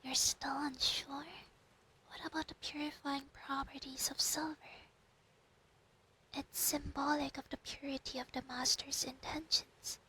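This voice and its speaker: A woman voicing a clingy, proud female fox spirit familiar in a whispered role-play, breathy and intimate on a close binaural microphone. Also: high-pitched, bright, forceful tone, rough recording. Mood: insistent, lecturing.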